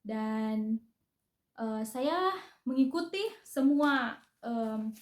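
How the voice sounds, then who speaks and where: A woman's voice: fairly high pitch, extremely slow. Chatty Indonesian-speaking woman vlogger, echoey room. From North Sulawesi, Indonesia. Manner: chatty, friendly, with hesitant fillers. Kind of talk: casual personal vlog.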